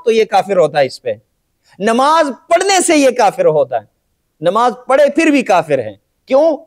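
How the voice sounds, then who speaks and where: A man teaching a lesson on Islamic jurisprudence, who poses rhetorical questions, answers them himself, and keeps checking that his students have understood. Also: extremely high pitch. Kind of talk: classroom lecture on Islamic jurisprudence.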